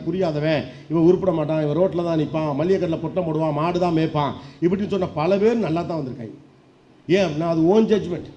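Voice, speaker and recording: A middle-aged man giving a lively motivational speech to an audience, firing off rhetorical questions and acting out voices. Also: sits high. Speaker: public speaker. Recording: dull lo-fi sound with faint background noise.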